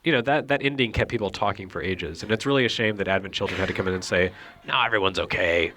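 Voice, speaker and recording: A man, a critic and co-host, jokes through casual, wry commentary on video game cutscenes. His voice is on the low side and he talks fast. Loud video game music plays behind him, with slight background noise.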